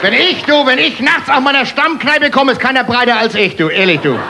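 A man from Hamburg with a Hamburg accent doing rapid-fire stand-up jokes on stage, punchy one-liners, keeps calling the crowd "friends". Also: very high-pitched, gravelly. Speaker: stand-up comedian. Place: live stage before a laughing audience. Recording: TV show stage recording with crowd noise.

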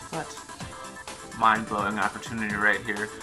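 A man's voice: lowish voice, little pitch movement, normal speed. A young man co-hosting a video in a casual, playful back-and-forth debate. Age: young adult. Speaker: video co-host. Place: small living room, indoors on a sofa. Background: music.

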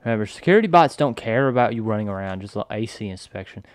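A man co-hosting a let's play, excitably directing his friend's gameplay and laughing often. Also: fairly low pitch, quick pace, dry recording. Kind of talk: casual gaming commentary.

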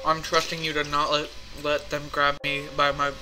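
A young man playing a co-op game with a friend, deadpan and teasing, often answering with flat refusals. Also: on the high side, moderate pace, rough recording. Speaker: gaming friend. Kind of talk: casual co-op gameplay chat. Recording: game music behind the voice. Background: game music.

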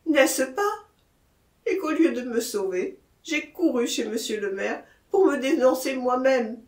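Woman playing a terrified pleading murderer, frantic, lively high voice, echoey room. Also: measured pace, far from the mic. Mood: insistent. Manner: frantic, pleading, rising to cries. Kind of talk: audiobook character reading.

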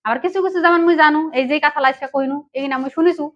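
A woman's voice: high-pitched, very fast, fairly bright tone, muffled recording. A woman from Panchagarh, Bangladesh, speaking with a Panchagarh regional Bengali accent in a chatty, casual vlog, talking straight to her viewers. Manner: chatty, addresses viewers directly. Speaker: vlogger.

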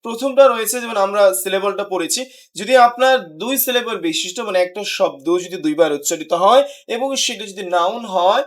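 A man teaching an English pronunciation lesson, explaining patiently and repeating example words slowly for practice. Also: sits high, a bit bright.

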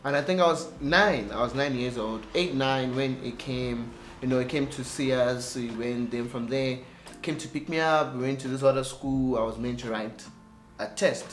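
A man's voice: mid-range voice, normal speed, reverberant, slight background noise. A young man from Nigeria, a guest entrepreneur, chatting animatedly in an interview and laughing often. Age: young adult. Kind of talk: casual interview chat. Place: bright studio room with plain wall.

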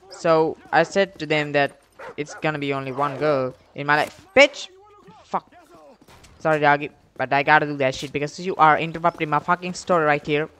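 A young adult man who makes gaming videos casually tells a rambling story over gameplay, full of slang and heavy swearing. His voice is a little high, pushed and bright, with slight background noise.

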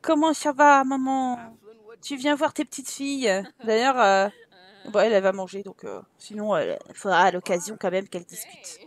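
A woman's voice: medium pitch, steady tone, normal speed. A woman giving casual, teasing commentary while playing a life-simulation game. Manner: chatty, teasing, exclaims at the game. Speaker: gaming let's-play host.

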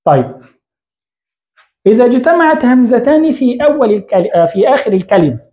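A man's voice: very high voice, very animated, brisk, muffled recording. A man teaching Arabic grammar in an online lesson. He writes on a board as he explains, asks the learner a question, answers it himself, and often corrects his own slips.

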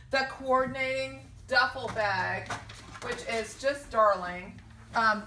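Bright, chatty woman showing off a shop. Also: on the high side. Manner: upbeat, chatty, with frequent ums and gushing praise. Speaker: boutique owner presenting a sale. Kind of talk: casual sales walkthrough video. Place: shop doorway outdoors, then inside a store. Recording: roomy sound with faint background noise.

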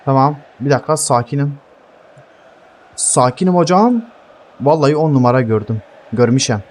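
A man's voice: medium pitch, quick pace. Hot-headed swearing gamer man. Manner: heated, swears constantly, yells at teammates. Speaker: gaming streamer. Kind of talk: swearing live gameplay commentary.

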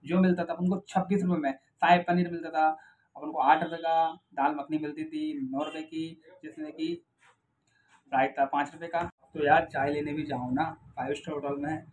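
Young male vlogger, chatty and animated, talking straight to a close phone camera, slightly high-pitched, faint room hiss. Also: moderate pace, low-quality recording. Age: 20s. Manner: chatty, animated, loud opening hook. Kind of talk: casual news vlog to camera. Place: small indoor room. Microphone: camera or phone in front of face.

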